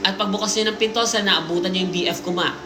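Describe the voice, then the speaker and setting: An animated woman host reads listener stories aloud on a live stream, breaking off for jokes and asides. Her voice sits in the middle of the range. The room rings noticeably, and music plays clearly underneath her. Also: mid-range voice, very fast. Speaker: livestream host. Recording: roomy sound with music playing behind.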